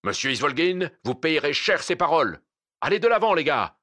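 Man voicing a raging police corporal, threatening, loud, high, bright. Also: very animated, moderate pace, dry recording. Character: menacing village police corporal, angry and bullying.

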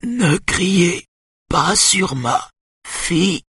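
A man reads a bitter mother in an audiobook, hissing her words out high and slow. Her voice is very breathy and husky, and the recording is close and dry. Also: animated, a bit bright, no echo, full character voice. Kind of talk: audiobook character voice.

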